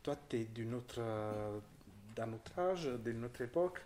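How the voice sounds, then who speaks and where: Talking casually about an exhibition he's visiting, a southern Italian man in his forties speaks French with an Italian accent. His middle-pitched voice is expressive and darkish, and his pace unhurried. He keeps stopping and restarting to search for words, filling gaps with fillers, over slight background noise.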